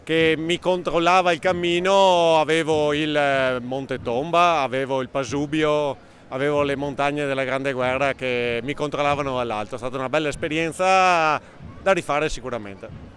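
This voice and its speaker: A man's voice: a little high, moderate pace, a bit bright, a little hiss or hum. Enthusiastic man in a street interview.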